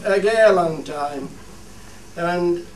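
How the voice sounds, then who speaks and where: In a dialect radio play recorded in a theatre studio, a man plays a hearty old Cumbrian shepherd chairing a village meeting, businesslike and genial, homely and rallying, repeating phrases. His voice sits high with a darkish tone and drawn-out words. The sound is roomy, from a distant mic, with faint noise.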